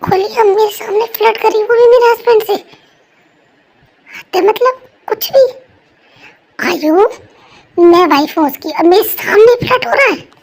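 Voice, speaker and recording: A woman's voice: high-pitched, normal speed. A woman playing a jealous, short-tempered young wife who scolds in an exasperated way, in a fan story role-play.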